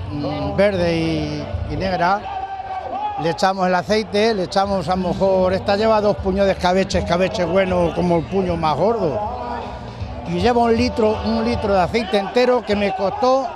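A man's voice: sits high, moderate pace, music in the background, crowd noise. A middle-aged man at an outdoor street festival, chatting emphatically into a reporter's handheld mic. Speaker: festival participant. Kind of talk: casual interview answers.

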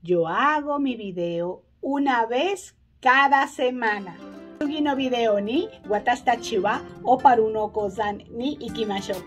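A middle-aged woman with a husky voice, giving a language lesson to camera as a teacher, drawing out example phrases deliberately. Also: fairly high pitch, soft background music. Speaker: Spanish teacher. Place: small indoor home office.

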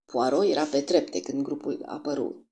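Low husky lady reading an audiobook, calm and measured. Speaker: audiobook narrator. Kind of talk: audiobook narration.

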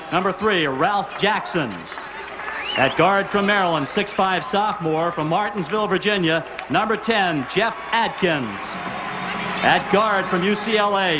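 Male arena PA announcer, high register, echoing stadium delivery, formal and measured, noisy crowd behind. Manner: measured announcing, names set apart. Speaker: arena public address announcer. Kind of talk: formal starting-lineup announcement. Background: loud basketball crowd.

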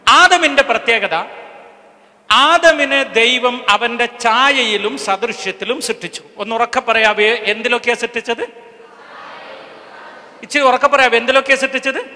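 Man preaching, very high bright voice, keeps making the crowd shout answers back, big hall echo. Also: unhurried, long pauses, slight background noise. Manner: call-and-response, keeps urging the crowd to answer louder; lively and teasing, counts off points. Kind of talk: sermon to a live audience. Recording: long hall reverb.

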